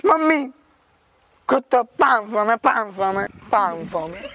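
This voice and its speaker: An actor playing a whining, broke young village son with a rustic manner in a comedy skit. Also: male voice, high-pitched, big pitch swings, a little slow, bright, forceful tone, heavily acted. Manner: complaining, rustic.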